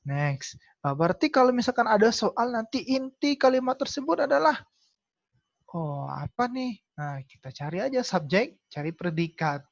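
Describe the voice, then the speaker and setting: A woman's voice: a little high, very animated, moderate pace. A woman tutor teaching an online class, filling her talk with "nah" and asking and answering her own questions. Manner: calls herself Kakak, many "nah" fillers, asks and answers own questions. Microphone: video call. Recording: lo-fi video call audio.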